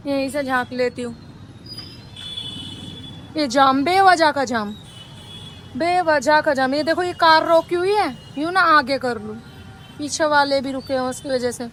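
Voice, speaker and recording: High-voiced chatty young woman vlogger. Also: a bit bright, slight background noise. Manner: chatty and rambling, addresses viewers directly. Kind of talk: casual vlog chat.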